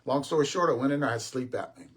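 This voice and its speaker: A man's voice: mid-range voice, quick pace, breathy edge. An older man hosting a casual live stream, telling a long rambling story with restarts and talking to his viewers as guys. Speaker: host.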